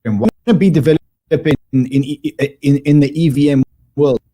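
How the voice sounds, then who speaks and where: A man's voice: on the high side, normal speed, mellow. Man on a clipping, distorted video call. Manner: repeats words when restarting, emphatic. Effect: clipping, distorted audio. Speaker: guest commentator. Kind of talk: remote interview discussion.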